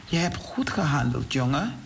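A man voicing a kind, watchful father in a children's story, speaking gently and calmly. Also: fairly high pitch, normal speed, vocal fry. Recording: faint hiss on radio recording.

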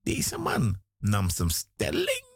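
A male preacher delivers a radio sermon in a husky, gravelly voice. He speaks slowly and with emphasis, repeating key phrases. His pitch leaps dramatically throughout, and the studio sound is dry. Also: huge pitch swings, dry recording. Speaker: guest preacher.

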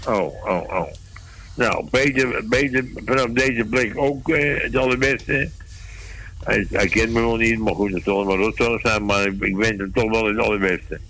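A man's voice: on the low side, normal speed, fairly bright tone, low-quality recording. Chatty male radio caller on the phone. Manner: friendly, hesitant, many fillers and restarts. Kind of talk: casual chat on air.

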